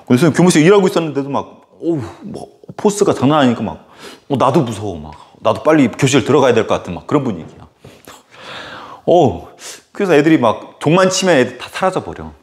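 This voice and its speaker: A male history teacher tells a casual, rambling classroom anecdote, his voice jumping up and down in lively swings. His middle-pitched voice is full of quick fillers and acted outbursts. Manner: animated storytelling full of filler words and sudden acted outbursts. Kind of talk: casual anecdote in a recorded lecture.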